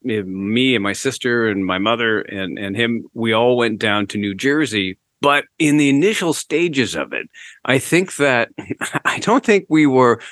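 A man's voice: medium pitch, lively intonation, unhurried, fairly bright tone, dry recording, studio quality. A middle-aged man from Canada with a Canadian accent, a guest in a casual interview who tells stories, laughs often and mimics other people.

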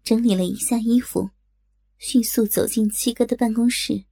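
A woman narrating a first-person audio story in a slow, teasing voice. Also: fairly high pitch, steady tone, vocal fry, dark tone, slightly rough, no room sound, studio quality.

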